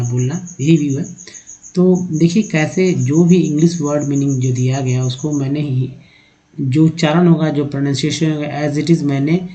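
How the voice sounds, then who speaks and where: A man teaching an English reading lesson, explaining slowly and counting letters aloud in a quiet voice. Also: mid-range voice. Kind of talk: screen-recorded lesson. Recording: dull, lo-fi sound.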